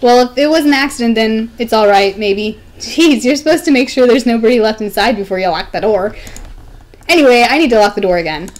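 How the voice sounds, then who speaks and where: A woman's voice: on the high side, a little fast, pitched below the performer's own voice, close to an everyday voice. A woman playing a polite, earnest schoolgirl heroine with a dainty, princess-like delivery in a live visual novel reading. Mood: surprised, concerned. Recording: faint music behind.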